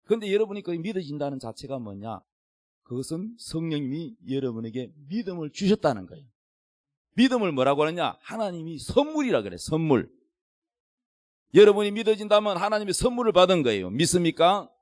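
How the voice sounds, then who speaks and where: A man's voice: on the high side, sing-song, fairly quick, a little mellow, no room sound. A middle-aged man preaching an emphatic sermon as a pastor, questioning the congregation directly. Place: church.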